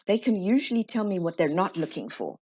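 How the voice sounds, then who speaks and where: A woman guest in an interview, explaining her work in a lively way and acting out the dialogue she quotes. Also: on the low side, fairly quick, husky. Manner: animated, acts out quoted dialogue. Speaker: guest, constellation facilitator. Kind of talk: conversational interview storytelling. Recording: slightly dull, muffled audio.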